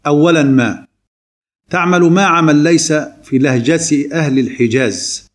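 Didactic male lecturer, slightly high voice. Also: moderate pace. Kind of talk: recorded grammar lesson.

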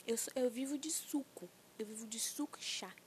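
A woman's voice: fairly high pitch, moderate pace, slight background noise. Anxious young woman ranting profanely. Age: young adult. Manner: self-mocking, profane, rambling. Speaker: podcast host. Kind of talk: solo podcast rant.

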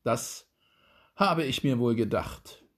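A man's voice: medium pitch, lively intonation, takes it slowly. A man doing a sneering sly stranger. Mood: mocking. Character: sly mocking foreign guest, older man.

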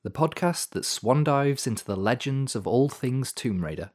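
A man hosting a podcast with scripted storytelling narration, in measured, dramatic phrasing with dry asides. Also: mid-range voice, expressive, a little mellow. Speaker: podcast host. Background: music.

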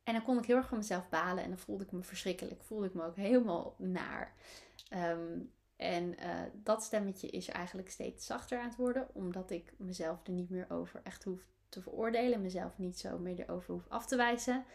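A woman's voice: on the low side, normal speed, vocal fry. Woman, animal-coach podcast host; casual solo monologue with plenty of "ehm" and restarts. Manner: reflective, many fillers and restarts.

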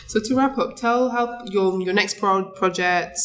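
Brief: mid-pitched host, steady and encouraging, casual interview. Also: measured pace. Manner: supportive, frequent backchannel murmurs.

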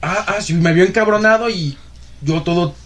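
A man's voice: high voice, moderate pace. A young man with a Mexican accent telling a story in a casual, slangy podcast chat, swearing often. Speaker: podcast host.

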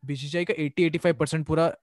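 Podcast host, young man, slightly high voice, dry close sound, loose rambling delivery. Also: steady tone, fast talker, no room sound. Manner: rambling, hedging with "okay?" tags. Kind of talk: casual chat.

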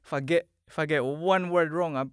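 A man's voice: a little high, fairly even intonation, brisk, smooth, no echo, studio quality. A young man from the Philippines, telling his childhood story in casual, rambling chat with lots of fillers and restarts. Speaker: podcast guest.

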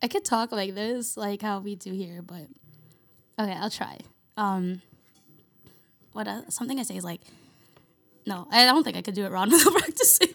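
A giggly woman chats casually as a podcast co-host, her voice settling into a gravelly fry at the ends of phrases. She hesitates, restarts and keeps breaking into laughter. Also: medium pitch, moderate pace, long pauses, sharp tone. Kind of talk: casual chat.

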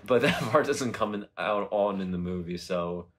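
A man's voice: low-pitched, a bit bright, a little hiss or hum. A young man co-hosting a podcast, joking and laughing in casual chat. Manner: laughing, joking, drawn-out delivery. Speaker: podcast co-host.

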